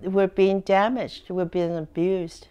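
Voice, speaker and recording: A woman's voice: on the low side, fairly even intonation, takes it slowly, dark tone, clear, resonant tone. A woman in her eighties speaking earnestly and indignantly in an interview. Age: 80s.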